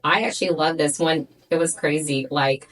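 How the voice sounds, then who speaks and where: Blunt, emphatic businesswoman guest with a lowish voice, coaching the listener. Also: normal speed, a bit bright, rough recording. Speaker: salon owner guest. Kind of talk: podcast interview.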